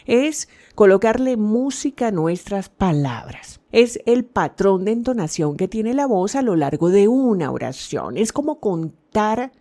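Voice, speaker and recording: A woman hosting a podcast as a public speaking coach, giving a scripted talk with emphatic delivery, lively shifts of tone and dramatic drops in her voice. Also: mid-range voice, unhurried, few pauses.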